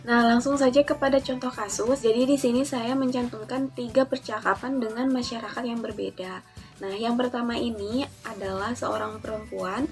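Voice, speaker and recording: A young university woman presents her research in a measured, explanatory way, with a slightly higher voice. Soft music plays faintly behind her as she talks. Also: steady tone. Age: young adult. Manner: measured, explanatory, with fillers like "nah" and "gitu". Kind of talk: academic presentation.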